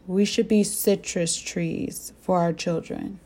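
Young woman, earnest faith podcast host, soft and warm, slightly low voice. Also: fairly even intonation, slow pace. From American Southwest. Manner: earnest storytelling with direct questions to listeners. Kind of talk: faith-based reflective talk.

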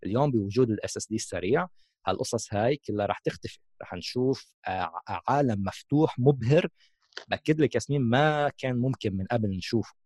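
A man's voice: mid-range voice, fast talker, a little mellow, no echo, clean studio sound. A man with a Levantine Arabic accent giving a casual explanatory tech talk as a gaming host, mixing in English terms.

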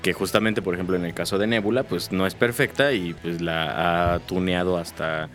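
A man's voice: sits low, steady tone, moderate pace, fairly bright tone, soft background music. A man with a Mexican Spanish accent co-hosting a podcast, explaining things in a laid-back casual way. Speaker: podcast co-host. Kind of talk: casual chat.

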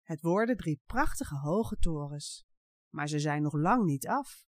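A woman reads a children's story aloud, slow and deliberate, with a very lively, sing-song melody. The sound is close and dry. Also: deep voice, no echo. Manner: expressive, animated reading.

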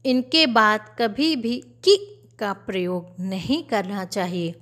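A woman teaching a spelling lesson to children, drilling each word in a slow, careful, repetitive way. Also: medium pitch, expressive, fairly bright tone.

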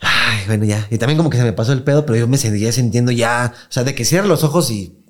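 Young man, Mexican Spanish accent, casual podcast storytelling, slangy, mid-pitched voice. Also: fast. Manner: slangy, acts out quoted voices, laughs often. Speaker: podcast co-host.

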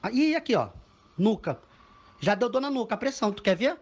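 A man's voice: very high voice, sing-song, fairly quick, husky. A man as an exasperated father ranting sarcastically about his child's home schooling. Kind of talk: comic rant.

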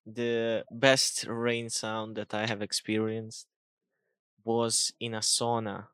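A man's voice: fairly low pitch, completely flat delivery, slow pace, a bit bright, clean tone, no echo. A young man co-hosting a casual chat, talking loosely with plenty of "like" fillers. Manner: chatty, lots of "like" fillers and restarts. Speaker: podcast co-host.

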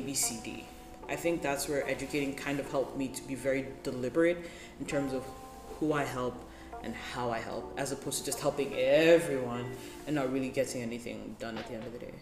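A candid, opinionated vlogger from Ethiopia talks straight to camera and slips in joking asides. The voice rings around a roomy space, and clear background music plays under it. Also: medium pitch. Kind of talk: opinionated advice vlog.

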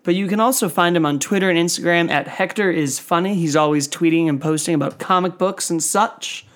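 A man's voice: fairly high pitch, a little fast, fairly bright tone. A man hosting a podcast in a casual, conversational way. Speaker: podcast host.

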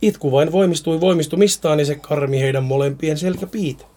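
A man's voice: a little high, dark tone. A man reading a Finnish horror story aloud, now and then stumbling and repeating words.

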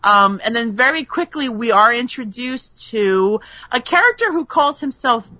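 A woman's voice: fairly high pitch, normal speed, no echo. A woman hosting a podcast, recapping an episode in a casual chat and laughing often as she tells it. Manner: laughs often, animated storytelling. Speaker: podcast host. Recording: slightly muffled dry recording.

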